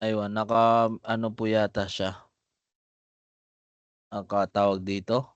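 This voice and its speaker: A man teaching the Arabic alphabet on a video call, patient and unhurried, calling on students by name. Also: lowish voice, little pitch movement, smooth, no room sound, dull audio. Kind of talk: online class drilling letter sounds.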